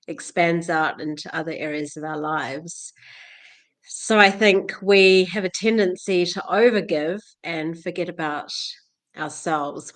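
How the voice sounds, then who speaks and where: A woman from New Zealand, in her thirties or forties, talking reflectively as a guest about teaching yoga, with frequent fillers. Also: low-pitched. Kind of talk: casual interview talk.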